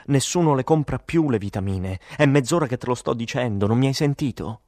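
A man's voice: mid-range voice, animated, a little fast, a little mellow, no room sound, studio quality, close to an everyday voice. A man voicing a weary, exasperated woman who sells vitamins, swearing and emphatic, in an audiobook. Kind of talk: audiobook character voice.

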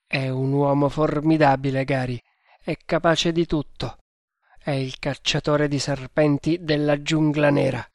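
A man voicing a grim, fanatical male cult sentinel who speaks loudly and solemnly. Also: fairly high pitch, flat delivery, measured pace, vocal fry, dry recording, studio quality. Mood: solemn menacing.

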